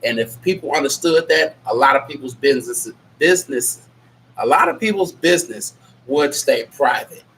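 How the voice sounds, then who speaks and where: An animated man with a mid-range, fairly bright voice hosts a casual live Q&A at a moderate pace. He's ill, nose stuffed up and throat scratchy, so his voice comes out nasal. He talks in a loose, rambling, blunt way and reads chat names aloud.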